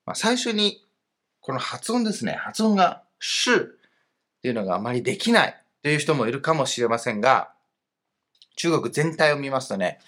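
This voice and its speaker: A man talks through a grammar lesson as an online teacher. His delivery is patient and explanatory, and his voice is lively and animated, swinging up and down in pitch. His pitch sits at a middle level for a man. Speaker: language teacher.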